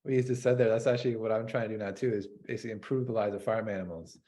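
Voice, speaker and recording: A man's voice: lowish voice, steady tone, racing, warm tone. A man from North America, a dairy farmer hosting an interview, talking in a hesitant, rambling way with lots of fillers. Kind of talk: casual interview chat.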